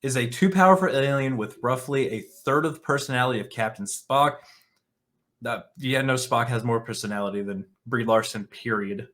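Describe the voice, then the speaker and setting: An online commentary show host with a medium-pitched, fairly bright voice speaks at a moderate pace. He switches from reading written pieces to reacting in his own words, and his tone is scornful and blunt, sharpened by sarcasm and offhand profanity.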